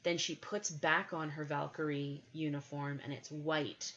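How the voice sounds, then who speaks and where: A woman's voice: low voice, level tone, measured pace, a bit bright. A woman co-hosting a podcast, chatting with enthusiasm in a casual way. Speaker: podcast co-host. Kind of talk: casual chat. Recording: dull lo-fi recording.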